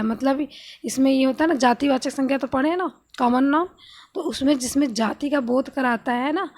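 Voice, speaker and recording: A woman's voice: high voice, vocal fry. A woman teacher patiently explaining a grammar lesson, often asking her students questions and answering them herself.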